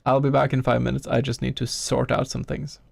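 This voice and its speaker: A man's voice: medium pitch, flat delivery, brisk, creaky, no room sound, studio quality. A Norwegian man with a Norwegian accent, chatting casually on a game dev stream, rambling and thinking aloud in a self-deprecating way. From Norway. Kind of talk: casual live-stream chat. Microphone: gifted home studio microphone.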